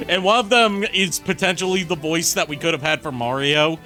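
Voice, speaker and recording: A man's voice: on the high side, steady tone, a little fast, bright, forceful tone. A man casually commentating on a live game stream in a crude, jokey, rambling way. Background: faint music.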